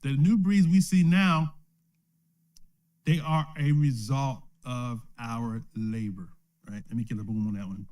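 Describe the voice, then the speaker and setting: An elder gives an informal Bible lesson, streamed live from his home or a small study. His mid-range voice is clear, resonant, steady and darkish, with a measured pace. He tacks "right?" onto most points and chuckles often.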